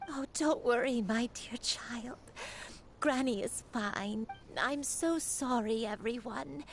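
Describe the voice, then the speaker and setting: Slow, gentle, sorrowful old granny. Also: female voice, fairly high pitch, faint music behind. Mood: tearful, apologetic. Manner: slow, hesitant, tender. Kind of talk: video game character acting.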